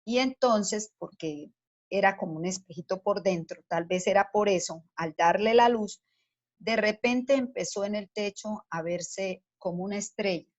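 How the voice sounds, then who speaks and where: A woman's voice: medium pitch, unhurried. A woman teacher giving a science lesson to children, explaining patiently step by step and asking the class questions as she goes. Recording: dull lo-fi sound.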